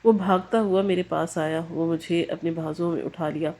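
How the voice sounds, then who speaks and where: A woman's voice: on the low side, steady tone, a little mellow. A woman reading an emotional story aloud in scripted narration with a somber, grave manner.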